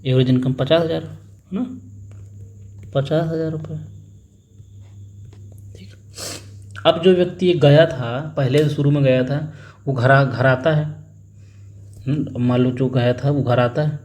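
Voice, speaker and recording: A man's voice: medium pitch, fairly even intonation, measured pace, long pauses, darkish tone. A young man teaching an exam-prep maths lesson, working sums aloud, repeating figures and prompting his students to answer. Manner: acts out family members in a little story.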